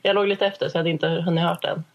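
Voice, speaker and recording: A woman's voice: fairly low pitch, fairly even intonation, muffled recording. A young woman chatting casually as a guest, self-deprecating and informal, in northern Swedish mixed with Stockholm speech. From Hälsingland, Sweden. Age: young adult. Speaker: podcast guest. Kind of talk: casual chat.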